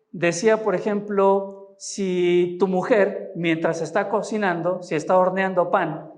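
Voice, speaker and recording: A man with a Mexican Spanish accent preaching a sermon as pastor, explaining scripture and often asking his listeners short questions. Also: sits high. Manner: teaching, asks listeners rhetorical questions.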